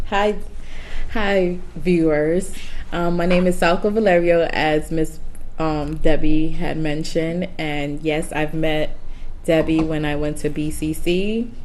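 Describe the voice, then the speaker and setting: A woman from New York City, a native Garifuna speaker, recounts her life as an interview guest. Her voice is notably low, and she speaks softly with many hesitations. A faint hiss sits under the recording. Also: level tone, takes it slowly. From New York City, raised partly in Honduras. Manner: soft-spoken, hesitant with many ums. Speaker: guest, caseworker. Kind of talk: personal storytelling interview.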